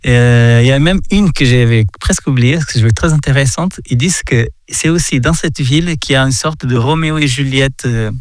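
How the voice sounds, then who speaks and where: A man from Portugal giving a reflective faith talk, halting often and repeating words as he searches for them. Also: mid-range voice, no echo. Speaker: speaker sharing a reflection.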